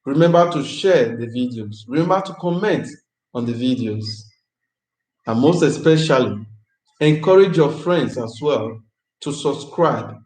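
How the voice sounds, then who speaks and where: Chatty man hosting a live Q&A, mid-pitched, repeats himself, recorded with a roomy echo. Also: a little mellow. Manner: repeats phrases, chatty and upbeat. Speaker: live chat host. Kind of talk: live-stream Q&A chat.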